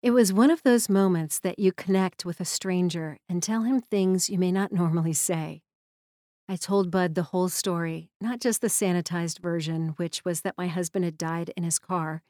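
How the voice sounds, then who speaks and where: A woman's voice: lowish voice, normal speed, a little mellow, no room sound, studio quality. A woman reading her own memoir aloud in an earnest, reflective manner. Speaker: memoir narrator. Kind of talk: audiobook memoir narration.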